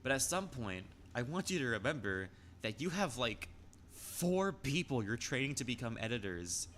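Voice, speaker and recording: A man's voice: mid-range voice, very animated, normal speed, fairly bright tone, slight background noise. A young man chatting casually on a stream, rambling with frequent stammers and restarts while reading chat.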